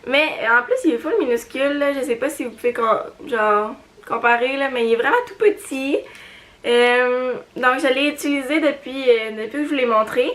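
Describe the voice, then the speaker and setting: A woman's voice: high-pitched, fairly even intonation, moderate pace, fairly bright tone. A young woman with a Quebec French accent chatting casually in a beauty haul video, hesitant with many fillers and little giggles. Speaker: beauty vlogger.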